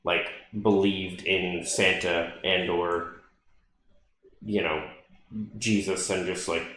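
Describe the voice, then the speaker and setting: Podcast co-host, male, low voice, loose rambling delivery, recorded in a very echoey room. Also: flat delivery, slow, a bit bright, a little hiss or hum. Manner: rambling, many fillers and restarts, swears casually. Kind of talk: casual chat.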